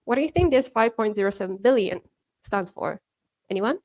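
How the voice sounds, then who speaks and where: A Japanese woman with a Japanese accent gives a conference talk in a conference hall, her medium-pitched, slightly dark voice animated and brisk. She keeps it chatty, sprinkling in fillers like "you know" and "like" and laughing often.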